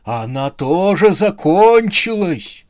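A man voicing a frantic, unshaven man in a bathrobe who shouts in desperation, in an audiobook. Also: medium pitch, lively intonation, very slow.

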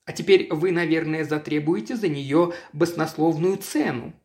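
A man's voice: a little high, normal speed, a little mellow, lightly acted. A reader voicing a blunt, brusque wealthy businessman bent on buying land, in an audiobook. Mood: businesslike. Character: brash rich businessman, pushy buyer. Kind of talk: audiobook character voice.

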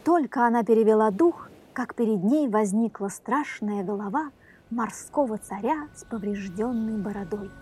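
A woman reading a fairy tale aloud in a lively, animated storytelling manner. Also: a little high, moderate pace, breathy edge.

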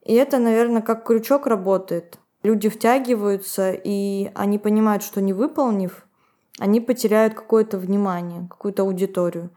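A woman's voice: mid-range voice, fairly even intonation, normal speed, warm tone. A woman co-hosting a podcast, retelling events and commenting with laughs. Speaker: podcast co-host. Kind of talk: podcast storytelling.

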